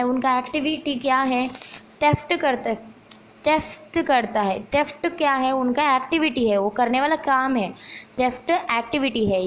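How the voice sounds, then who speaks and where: A woman's voice: high voice, low-quality recording. A woman, an English teacher explaining grammar exercises in Hindi and English. She reads the example sentences out word by word.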